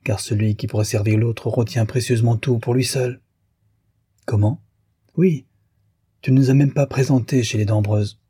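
A man reading aloud voices a bitter, sarcastic young lawyer reproaching a friend, in a dark, husky voice. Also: mid-range voice, steady tone, normal speed, long pauses, dry recording, clean studio sound.

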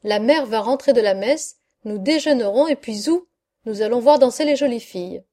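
An exuberant, warm-hearted male poet bursts out in a raised, ringing voice, as a woman narrator puts him on. His hearty exclamations come fast and full, a little higher than the telling around them. It is the welcome of a storybook friend. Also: natural voice. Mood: delighted.

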